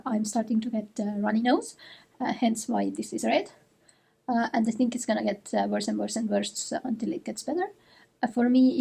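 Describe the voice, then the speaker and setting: A woman chatting casually in a book vlog at home, sick with a cold and a sore throat, talking haltingly with lots of fillers. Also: on the high side, dark tone, slightly rough. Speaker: book vlogger. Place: home room with bookshelves, indoors.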